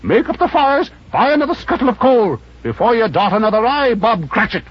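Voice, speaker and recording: A man voicing Scrooge, an elderly reformed miser, giddy and overjoyed, in a high, cracking excited falsetto. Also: brisk, slightly rough, heavily acted. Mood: jovial. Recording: dull lo-fi audio with faint music.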